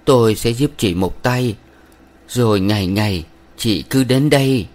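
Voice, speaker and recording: A man's voice: mid-range voice, a little slow, a little mellow, pitched above the performer's own voice, natural voice. A man doing a stern preachy village matron. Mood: lecturing. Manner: moralizing, lecturing. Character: middle-aged village matron, stern, preachy, sweet-talking.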